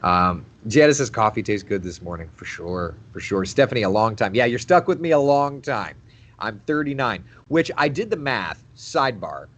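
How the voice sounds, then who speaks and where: Speaking at a normal speed, a man in his thirties with a lowish voice and big swings in pitch hosts a casual livestream. He's a TV meteorologist, chatting easily, laughing a lot, repeating phrases and reading viewer comments aloud.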